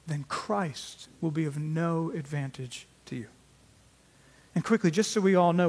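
High-voiced preacher in a reverberant hall. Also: male voice. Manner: earnest, emphatic preaching with swells in volume. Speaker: pastor. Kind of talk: sermon.

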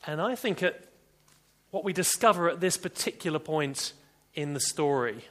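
A man preaching a sermon, earnest, with emphatic bursts that drop back to soft, deliberate phrases. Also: a little high.

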